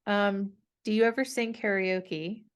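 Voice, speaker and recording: A woman's voice: medium pitch, fairly even intonation, clear, resonant tone. Friendly woman interviewer. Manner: friendly, quick affirming interjections. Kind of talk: casual interview questions.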